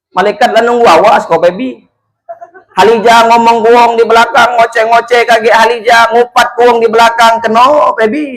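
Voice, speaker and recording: Speaking directly to the bride and groom, a preacher delivers a jokey, chatty wedding sermon in a very high-pitched, fairly bright voice. The recording quality is rough.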